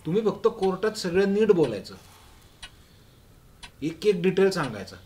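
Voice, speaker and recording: A coaxing fixer with a lively high voice. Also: male voice, normal speed, a little hiss or hum. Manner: coaxing, wheedling. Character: smooth-talking man coaxing a witness. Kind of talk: film drama.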